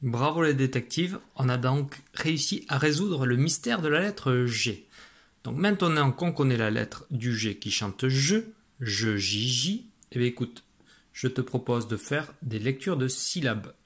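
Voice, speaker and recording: A man gives a phonics lesson to young children. He talks patiently and kindly, slows down to sound out each letter and syllable, and cheers the child on after each answer. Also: medium pitch. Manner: encouraging, praises the listener. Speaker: teacher.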